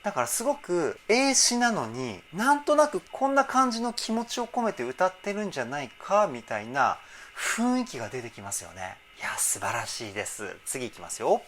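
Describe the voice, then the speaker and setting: A male vocal coach talking enthusiastically as he breaks down a song, pausing to try out the parts himself. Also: on the high side, huge pitch swings, fairly bright tone, slight background noise. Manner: enthusiastic, explains while trying out sung examples. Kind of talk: reaction and vocal analysis talk.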